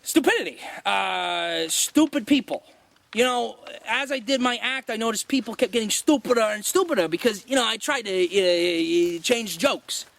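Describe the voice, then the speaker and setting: A man playing a deluded, boastful washed-up circus prop comic who rambles haltingly and defensively in a mock-documentary interview. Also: sits high, expressive, vocal fry, fairly bright tone, full character voice. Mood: bitter, defensive.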